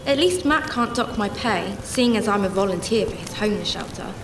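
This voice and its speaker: In a radio drama, a woman plays a compassionate but troubled homeless shelter volunteer, delivering first-person narration and dialogue in a reflective, concerned mood. Her medium-pitched voice is expressive, brisk and close to everyday speech, though it's recorded from a distance with heavy background noise. The sound is roomy, with music behind her.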